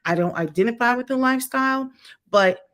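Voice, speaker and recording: A middle-aged woman vlogs a review of a TV show, her voice on the high side, brisk and a little bright. She's chatty and blunt, giving candid, casual opinions sprinkled with mocking asides.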